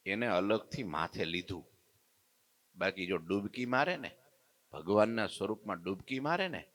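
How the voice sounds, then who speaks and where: Man telling temple katha, bright crisp voice, animated, loud then soft. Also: medium pitch. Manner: animated storyteller, swings loud and soft, acts out quotes. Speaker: swami giving a scripture discourse. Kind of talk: devotional storytelling sermon. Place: temple hall.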